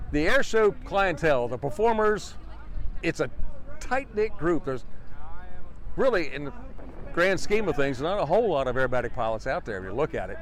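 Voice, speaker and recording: A man's voice: a little high, slight background noise. A middle-aged or older man giving casual interview answers in a plain-spoken, folksy way, as an airshow announcer.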